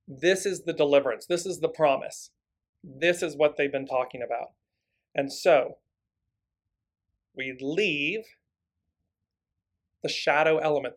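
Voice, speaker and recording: A man hosting a live spiritual talk, excited and fast, stacking up repeated phrases as he greets viewers. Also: a little high. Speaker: spiritual teacher and host.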